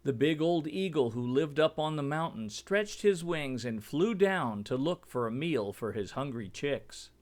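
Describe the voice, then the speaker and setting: A man reading a children's story aloud in an expressive, deliberate storytelling manner. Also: on the high side. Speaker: storybook reader.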